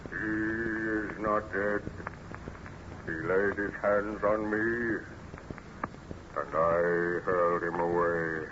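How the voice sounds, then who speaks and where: A man's voice: fairly low pitch, fairly even intonation, drawn-out words, pauses often. A man playing a lonely, bitter, menacing monster in an old-time radio horror drama, with solemn, declamatory delivery. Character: lonely, bitter, menacing male monster who learned to speak. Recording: muffled, noisy vintage radio recording.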